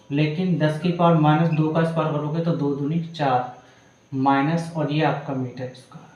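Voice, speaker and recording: Heavy room echo surrounds this step-by-step physics lesson. The teacher, a man whose voice is a little high and darkish, solves the problem stage by stage and keeps calling his students "beta".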